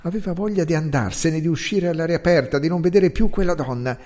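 Guy reading a novel aloud, slightly high voice, measured and expressive. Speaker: audiobook narrator. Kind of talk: literary narration.

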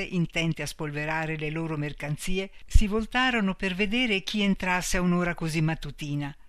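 A man reading a novel aloud as narrator, in a measured, even storytelling manner. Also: high-pitched, dry recording, studio quality. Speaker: audiobook narrator. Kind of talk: scripted narration.

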